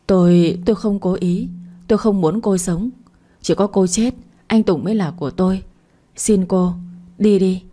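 A woman's voice: medium pitch, moderate pace, dark tone, natural voice. A woman voicing a cruel young female model who pleads in panic. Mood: terrified, pleading.

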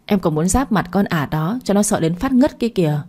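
A woman's voice: mid-range voice, lively intonation, fairly quick, darkish tone, close to an everyday voice. A woman voicing a cocky young policewoman who talks smugly and threateningly. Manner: smug, threatening.

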